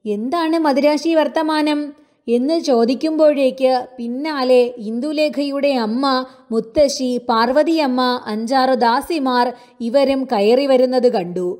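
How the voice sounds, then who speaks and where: Brief: woman audiobook reader, high mellow voice, measured narration. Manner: measured storytelling. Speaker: book reader. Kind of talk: reading a classic novel aloud.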